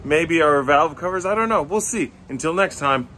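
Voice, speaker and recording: A man in his thirties hosts casual how-to narration from his home garage, explaining an engine rebuild step by step as the camera mic records him at work. His fairly high voice has lively intonation and a normal speed, with a noisy background.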